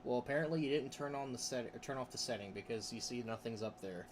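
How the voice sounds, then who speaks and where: Talking quickly, this man rambles through a casual livestream, restarting sentences, laughing between thoughts, and reading chat aloud. He's a streamer who says his voice range is pretty high. A faint hiss or hum sits under the recording.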